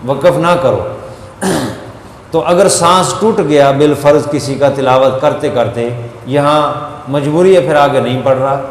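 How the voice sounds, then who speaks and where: A man teaching a Quran reading lesson, explaining grammar step by step and chanting verses slowly. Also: mid-range voice, reverberant, in a large hall, slight background noise.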